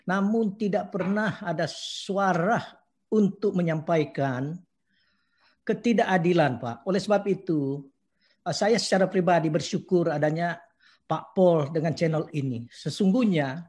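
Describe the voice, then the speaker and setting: A man's voice: fairly high pitch, darkish tone. A man speaking as a guest in a live video call discussion, earnest and outspoken, making long statements. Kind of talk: earnest opinion talk.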